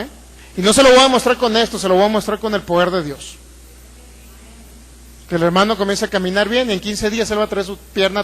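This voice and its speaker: A very high-pitched male voice with a Mexican accent, delivering a forceful sermon. He hammers points home through repetition and keeps turning to the congregation with questions. A long reverb trails every phrase, as though he is in a large church hall. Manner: emphatic, repeats phrases, asks the congregation for agreement. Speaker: pastor.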